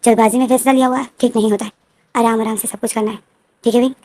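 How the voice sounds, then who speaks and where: A soothing young male friend, voiced by a woman storyteller lays out plans step by step. His tone stays calm and instructive, pitched a little high. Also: rapid-fire, no echo. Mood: reassuring.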